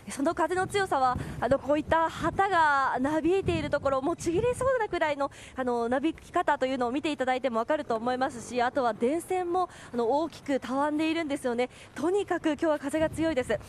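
High-pitched woman reporting live in a storm. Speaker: field reporter. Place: outdoors in a snowstorm, also in a car. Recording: faint wind and traffic noise.

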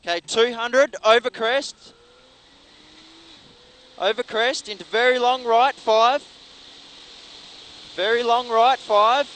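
A man co-driving in a rally car, calling rapid pace notes in urgent, clipped, repeated bursts. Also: extremely high pitch, a bit bright. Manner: urgent, clipped, repetitive calls. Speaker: rally co-driver. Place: inside a moving rally car. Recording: in-car recording with clear vehicle noise.

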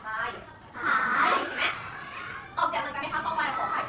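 A woman's voice: sits high, fairly even intonation, fairly quick. A woman teaching a phonics lesson to young children in a classroom, patiently prompting and repeating each word back to them. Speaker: primary school teacher. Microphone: room recording from a distance. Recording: echoey classroom from far off with background noise.

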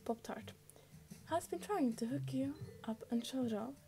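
A woman's voice: high-pitched, measured pace. A woman casually reading a fan story aloud, chatty, with frequent slips and restarts. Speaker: fan fiction reader.

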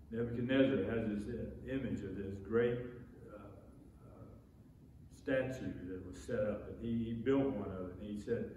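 Middle-aged pastor preaching in an echoey empty church. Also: male voice, mid-range voice, mellow, a little hiss or hum. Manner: earnest preaching with frequent restarts and repetitions. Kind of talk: sermon. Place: small church sanctuary with empty chairs, indoors. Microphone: far camera facing the pulpit. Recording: very echoey, dull church room recording.

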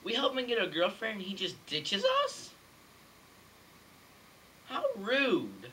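A man's voice: high-pitched, very animated, takes it slowly, bright, forceful tone, heavily acted, rough recording. A young man playing a vain, huffy fashion snob in an amateur comedy sketch, speaking in a haughty, indignant way. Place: room in a house. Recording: home room, faint background noise.

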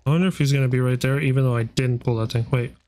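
A man's voice: medium pitch, steady tone, rapid-fire, a little mellow. A young man doing nervous horror game commentary, muttering and swearing to himself like a scared streamer. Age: young adult. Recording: clearly noisy, game ambience behind.

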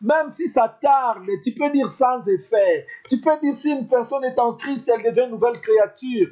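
A man's voice: extremely high pitch, moderate pace, dark tone. A man preaching a sermon as a pastor, emphatic and repetitive, calling out to his listeners over and over. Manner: emphatic, repetitive, calls out "beloved" constantly. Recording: dull lo-fi sound.

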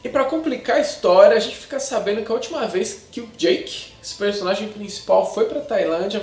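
A Brazilian man in his thirties chattily reviewing a film to camera in slangy, casual speech with frequent tag questions. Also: extremely high pitch. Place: small indoor room with shelves of discs. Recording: echoey untreated room.

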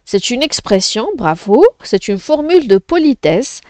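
A woman's voice: a little high, very animated, unhurried, darkish tone, no room sound. A woman teaching a French lesson to children, explaining patiently and often checking "d'accord?".

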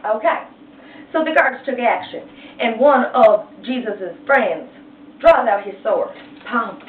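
A woman's voice: a little high, slow pace. A woman teaching a painting lesson, chatty and playful, retelling a story in slang, recorded tinny and far from the mic in an echoey room. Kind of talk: casual art lesson with storytelling.

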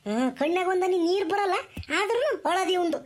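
A woman's voice: very high-pitched, fast. Woman playing a scolding village mother. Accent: rural Tumakuru Kannada. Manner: nagging, scolding, rhythmic village talk. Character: scolding village mother, strict and sharp-tongued. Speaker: actor in comedy skit. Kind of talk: village comedy skit acting.

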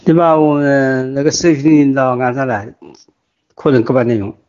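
His voice is medium in pitch and darkish in tone, with fairly even intonation and a moderate pace. An older man approaching retirement, he has a Wuhan accent and leaves informal voice messages in a group chat, agitated and distraught, insistently repeating his pleading and warnings over muffled, lo-fi phone audio.

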